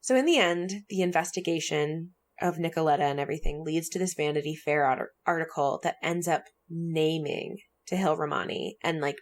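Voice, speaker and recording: Podcast co-host, woman, low gravelly voice, chatty storyteller. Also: normal speed, few pauses. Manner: chatty, filler-heavy, animated retelling. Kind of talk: casual storytelling chat.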